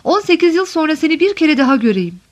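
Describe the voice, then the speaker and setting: Here a female reader voices a desperate middle-aged wife from a literary novel in audiobook form, pouring out longing in a high, tender voice. She pleads and insists with strong emotion, speaking fast with big pitch swings in a pleading mood.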